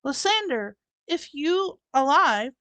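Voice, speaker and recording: A woman reading a high-voiced scorned young lady. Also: sing-song, sharp tone, no room sound, heavily acted. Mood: pleading. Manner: halting, restarting lines. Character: lovelorn young noblewoman, scorned and pleading. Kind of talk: amateur live-stream Shakespeare reading.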